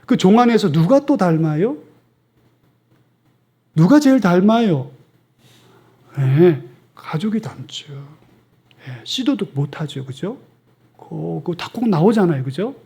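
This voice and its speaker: A middle-aged man preaching in a church sanctuary, his voice sitting rather high for a man. He speaks conversationally, tossing questions to the congregation. At tender moments he sinks to a hushed near-whisper. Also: big pitch swings, unhurried, vocal fry, long pauses, slightly rough. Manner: drops to soft near-whispers for tender lines. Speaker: pastor. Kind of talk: sermon.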